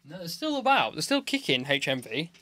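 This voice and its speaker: A man's voice: fairly high pitch, huge pitch swings, fairly quick, pushed and bright, no echo. A young man, chatting crudely and dryly on a casual podcast. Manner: crude, sweary, dry banter. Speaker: podcast co-host. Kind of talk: casual chat.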